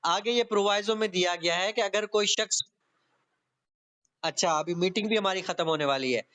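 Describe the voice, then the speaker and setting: Reading out clauses and explaining them step by step, a man leads an online exam-prep class on law, blending English terms into his speech. His voice is high and fairly bright, and he speaks at a normal speed.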